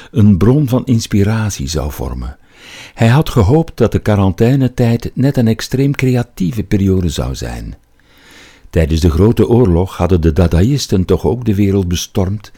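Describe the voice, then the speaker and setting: A man with a Flemish accent reading a literary story as narrator, in a measured, unhurried manner. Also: sits low, dark tone, slightly rough.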